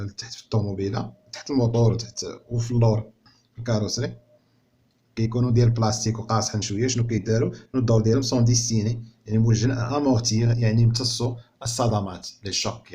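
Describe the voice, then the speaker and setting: A man's voice: mid-range voice, darkish tone, slight background noise. A man with a Moroccan accent teaching a French spelling lesson, explaining patiently and often checking that pupils follow. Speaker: primary school teacher.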